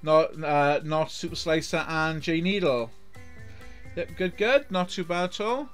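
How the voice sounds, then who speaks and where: A middle-aged Welshman rambles through casual live-stream game commentary from a room at home, faint music behind him. His voice is on the high side, a little bright and a little slow, and he restarts often and repeats words.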